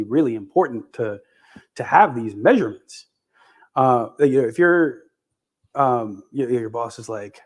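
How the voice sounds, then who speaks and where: Man, conference speaker, casual and profane, lots of ums and restarts, talking with gum in his mouth, mid-pitched. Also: darkish tone. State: chewing gum while talking. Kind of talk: live tech talk demo. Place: conference stage with audience.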